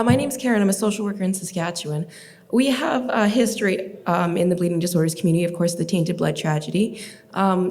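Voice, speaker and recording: A woman's voice: fairly low pitch, darkish tone. A woman puts a careful, tentative question from the floor at a conference. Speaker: audience questioner, social worker. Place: large hotel ballroom. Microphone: standing audience microphone.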